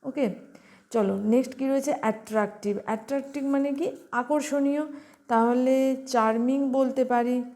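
A woman with a Bengali accent teaching exam vocabulary, asking herself questions and spelling words out slowly letter by letter. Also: high voice, steady tone, mellow. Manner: asks questions and answers them herself. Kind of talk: exam-prep vocabulary lesson.

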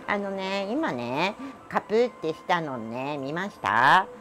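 A woman's voice: fairly low pitch, sing-song, slow pace, noisy background. A middle-aged woman with a Kansai Japanese accent, a cat groomer talking through a grooming demo in a chatty way, tagging phrases with little asides and giggles. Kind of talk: grooming demonstration talk.

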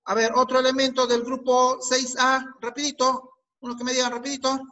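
A man's voice: extremely high pitch, flat delivery, brisk, pushed and bright, poor audio. A man teaching a chemistry class with a Peruvian Spanish accent, asking students questions and repeating their answers. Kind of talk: online class lesson.

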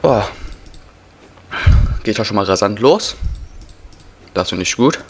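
A young let's player with a cough and a cold commentates his gameplay casually in slang, muttering to himself. His voice is husky, on the low side, animated, and slow. The noisy home recording, made indoors at a computer, picks up keyboard typing.

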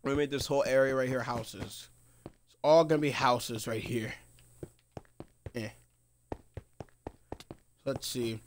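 A man's voice: medium pitch, slow, long pauses, a little hiss or hum. A man streaming a video game live, talking casually as he plays, muttering to himself and laughing often. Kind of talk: casual live gameplay commentary.

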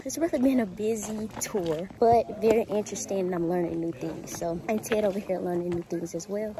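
A woman vlogger chatting casually and informally to her viewers in slangy speech, recorded on a phone. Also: medium pitch. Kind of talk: casual vlog chat to viewers. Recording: noisy outdoor phone recording.

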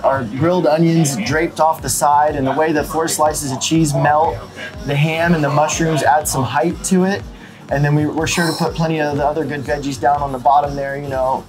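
A young restaurant owner with a fairly high voice chats casually about his restaurant's food and menu, rambling a little with many fillers and restarts. He speaks at a moderate pace with fairly even intonation, indoors at a restaurant table, over music and with poor audio.

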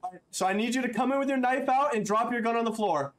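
High-voiced man barking mock cop orders. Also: fast talker. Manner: barking commands, mock-stern cop bravado. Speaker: streamer playing a police captain. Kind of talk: in-game voice chat role-play.

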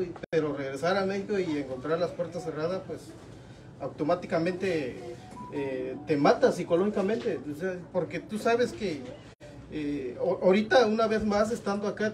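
Man, earnest meeting speaker, slightly high voice, off-mic with a murmuring crowd; heard from a far camera. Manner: earnest, hesitant with many fillers. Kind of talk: impromptu speech at a meeting. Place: small meeting room indoors.

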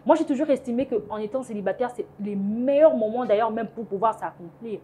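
Animated young woman, studio interview. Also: on the high side, fairly quick, a little hiss or hum. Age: 20s. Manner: animated, emphatic, laughs easily. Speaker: guest, founder of a women's platform. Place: TV studio set. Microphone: lapel mic.

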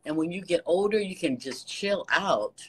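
With a fairly low, breathy voice and lively intonation, an American fan in her sixties chats at a moderate pace on a casual phone video call. She showers the other person with warm encouragement and praise, laughing often. The rough recording comes from a phone camera held close in an office with ceiling lights.

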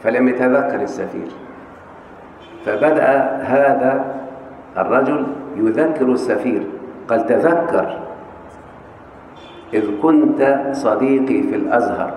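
A man lecturing on Arabic grammar with an Egyptian accent, often pausing to quiz his students on the answer. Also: mid-range voice, a little mellow, a little hiss or hum. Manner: questioning students, coaxing answers. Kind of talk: classroom lecture. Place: large mosque hall. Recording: echoey hall with faint ambience.

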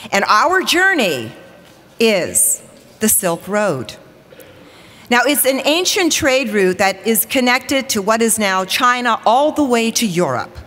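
In a large hall, a woman in her forties, known as a TV weather reporter, speaks from the stage lectern, offering an upbeat formal welcome meant to rally listeners. Her mid-range voice has a fairly bright tone, recorded via lectern mic with lengthy hall reverb.

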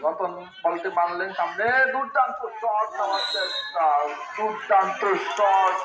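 A man giving live, excitable football commentary that can burst into shouts. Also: sits high, a little slow, background noise. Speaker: football commentator at a local tournament. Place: outdoor football ground. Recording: dull, echoey PA-like sound, crowd behind.

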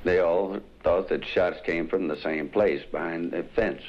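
A man's voice: sits low, unhurried, highs cut off. A man giving brief, hesitant, plain answers as an eyewitness in an interview, on a 1960s vinyl record.

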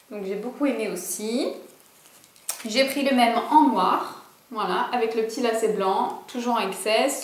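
A young woman talks casually through a clothing haul, chatty and bubbly, full of fillers and little asides. Her voice sits a touch high. The room around her rings with echo. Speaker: vlogger.

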